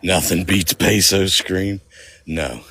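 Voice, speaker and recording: Man with a very low voice, unhurried drawl, jokey and laughing, casual vlog storytelling outside at night, faint background hiss. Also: bright, forceful tone. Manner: laughs often, joking and swearing. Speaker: paranormal vlogger. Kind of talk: casual storytelling to a livestream audience. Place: outdoors in a cemetery at night.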